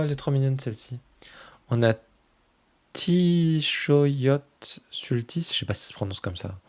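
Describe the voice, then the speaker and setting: Casually going through a new oracle deck on his tarot channel, a man with a mid-range voice speaks softly about each card with fondness. His remarks often trail off.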